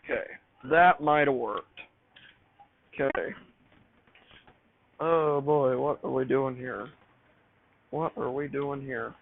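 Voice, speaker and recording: A man mutters to himself and repeats his words as he troubleshoots gear during an improvised tour of his home radio studio for a vlog. His medium-pitched, creaky voice is slow and full of pauses, heard through a tinny band with hiss in the background.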